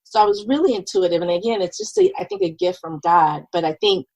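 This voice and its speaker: A woman in her fifties, a podcast guest, telling her story in a lively, animated way and acting out what people said. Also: mid-range voice, fast talker, gravelly, no echo, poor audio. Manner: lively, animated, acts out quoted dialogue. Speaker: podcast guest, nurse and business owner. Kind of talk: casual conversational storytelling.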